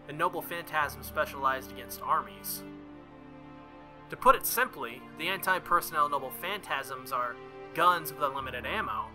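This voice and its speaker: Streaming a visual novel, a man with a slightly high, sharp voice reads the dialogue aloud and adds playful, jokey commentary. Now and then he stumbles and rereads a line.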